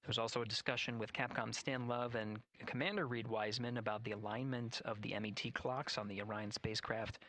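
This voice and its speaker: A man's voice: fairly low pitch, pushed and bright, no echo. Dry-sounding male mission control commentator. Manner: measured, factual announcing. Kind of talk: live spaceflight commentary.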